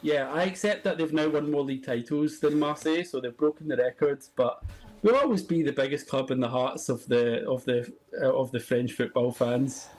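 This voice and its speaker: A man's voice: mid-range voice, normal speed, darkish tone, low-quality recording. A Scottish man in his forties, a podcaster joining a sports show by video call, talking in an earnest, somewhat hesitant way. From Scotland. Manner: earnest, a bit hesitant with many ums. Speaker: podcaster guest. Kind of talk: casual chat.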